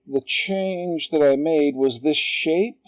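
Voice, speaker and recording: A man calmly talking through a drawing tutorial step by step, in an unhurried voice-over. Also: a little high, no echo. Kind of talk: slow screen-recorded tutorial.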